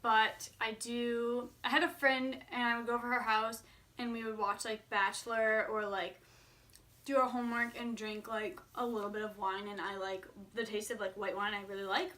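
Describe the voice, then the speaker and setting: Talking informally to the camera, a twenty-one-year-old woman responds to viewers' questions with candor and a steady stream of "like" fillers. Her fairly high voice is bright and forceful, though her delivery is flat and her pace moderate.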